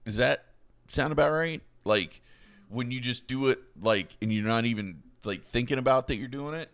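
A man hosting a podcast, telling stories in casual chat with an animated, laughing manner. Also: mid-range voice, moderate pace, clear, resonant tone. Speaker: podcast host.

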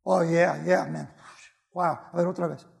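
Man preacher, gravelly voice, high pitch, unhurried, bilingual sermon. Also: steady tone. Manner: switches between Spanish and English, exclaims and shouts at peaks.

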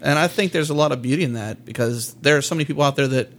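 A man's voice: medium pitch, racing, slight background noise. A man co-hosting a church podcast, chatting casually and easily with many fillers. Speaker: podcast co-host.

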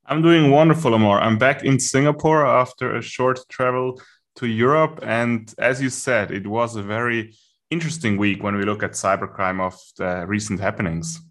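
A man with a German accent, a podcast guest explaining things in a steady, casual chat. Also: medium pitch, normal speed.

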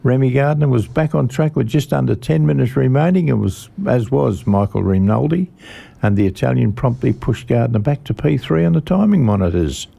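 An Australian man hosting a radio motorsport show, reading out race news in a halting way and repeating the odd word. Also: mid-range voice, expressive, vocal fry, mellow, slightly rough. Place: radio studio.

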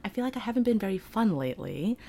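A woman's voice: medium pitch, big pitch swings, fast talker, warm tone, a little hiss or hum. An American woman in her thirties chatting casually as a podcast guest, playful and self-deprecating. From New York and Ohio, United States. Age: 30s. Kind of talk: casual chat.

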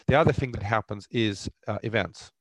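A man from the former Soviet Union with a Russian accent, a podcast guest talking about investing in a halting way, full of restarts. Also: lowish voice, fairly bright tone, dry recording. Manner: halting, many restarts and fillers. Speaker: real estate investor guest. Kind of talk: podcast interview.

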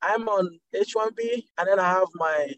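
A man calls in on his car speakerphone while he drives. His voice sits high for a man. The muffled, lo-fi phone line dulls his words, and he keeps hunting for the right term and starting his phrases over. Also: normal speed, a bit bright, slight background noise. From Nigeria. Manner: searching for words, restarting phrases. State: driving while calling in. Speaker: caller. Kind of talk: call-in question on a conference call. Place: inside a moving car.

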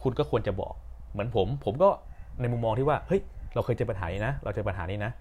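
A man's voice: on the low side, fast, darkish tone. A young man hosting a podcast, telling a personal story in a casual, rambling way with fillers and self-corrections. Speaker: podcast host.

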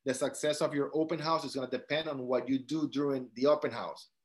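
A man's voice: medium pitch, steady tone, brisk. A man from South Dakota leading a real estate team meeting over a video call, encouraging and checking in with "all right?" often. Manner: encouraging, repeats phrases, frequent "all right?" check-ins.

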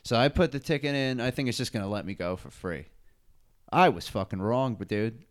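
A man's voice: mid-range voice, brisk. A man casually telling a long story on a podcast, swearing constantly and saying "dude" and "bro". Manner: profane, animated storytelling with lots of "dude" and "bro". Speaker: podcast co-host.

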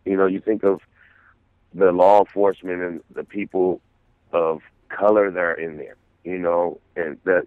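Calling in to a radio interview, a guest artist from San Francisco, USA, speaks in a low voice, earnest and looping back over his words as he works through his thoughts. The sound is very dry and tinny, like a phone line, with no echo.

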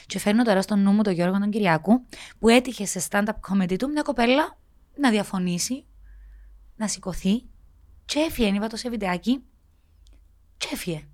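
A young woman co-hosting a casual podcast conversation with a Cypriot Greek accent. She talks in a lively, expressive way and readily backs up her co-host. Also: medium pitch. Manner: lively and expressive, quick to agree. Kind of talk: casual chat.

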